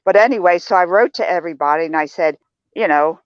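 An older woman talking as an interview guest, animated and acting out the remarks she quotes in shifting tones. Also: on the low side, quick pace, smooth, no echo, muffled recording. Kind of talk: casual interview talk.

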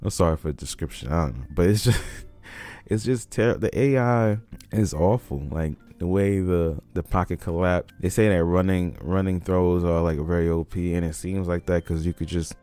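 A man's voice: deep voice, normal speed, mellow, soft background music. A man hosting a casual solo gaming podcast, talking in a rambling, laid-back way with chuckles, his voice a bit congested from a cold. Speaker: podcast host.

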